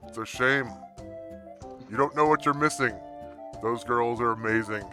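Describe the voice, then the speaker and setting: A man's voice: mid-range voice, moderate pace, music in the background. A man speaking through a voice changer as a young male wizard in a tabletop game, bantering crudely. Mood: teasing. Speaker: tabletop player. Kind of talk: in-character roleplay.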